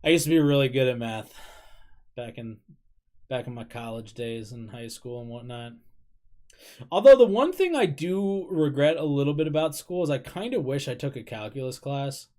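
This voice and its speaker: A man's voice: mid-range voice, lively intonation, moderate pace, mellow. A man in his thirties chatting casually through a reaction video, rambling and self-deprecating, breaking into laughs. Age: 30s. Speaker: K-pop reaction YouTuber.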